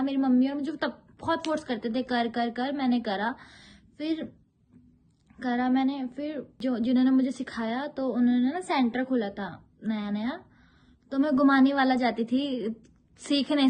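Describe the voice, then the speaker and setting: A woman's voice: sits high, a little mellow. A young woman from India, a yoga teacher, chatting casually about her own life and often circling back to repeat herself. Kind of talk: casual personal storytelling.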